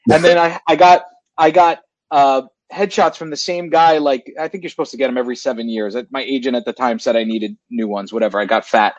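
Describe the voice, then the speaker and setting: A man's voice: medium pitch, fairly even intonation, fast, no echo, muffled recording. A man co-hosting a talk radio show, telling a rambling story in casual chat and correcting himself as he goes.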